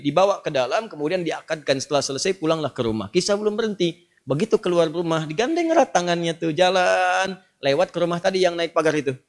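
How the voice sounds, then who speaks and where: A male Islamic preacher telling a story in a sermon, acting out scenes and quizzing his audience with questions. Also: fairly high pitch. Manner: animated, dramatizing, quizzing the audience.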